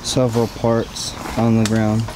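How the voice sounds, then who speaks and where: A young man filming a casual travel vlog, talking in a relaxed, halting way with fillers, holding the camera at arm's length. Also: lowish voice, a loud crowd, poor audio. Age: young adult. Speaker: vlogger. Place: indoors at home, later outdoors on a street. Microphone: handheld camera at arm's length.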